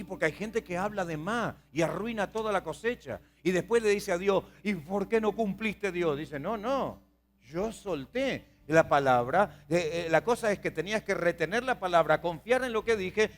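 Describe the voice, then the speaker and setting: Speaking at a normal pace in a high, animated voice, this pastor delivers a sermon to his congregation with a Rioplatense Spanish accent. He talks in a repetitive, conversational way and asks his audience questions.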